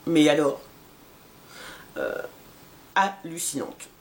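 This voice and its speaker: A woman's voice: low-pitched, lively intonation, slow pace. A woman in her forties casually reviewing a skincare serum for her vlog, talking with many fillers and restarts. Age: 40s. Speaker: beauty vlogger.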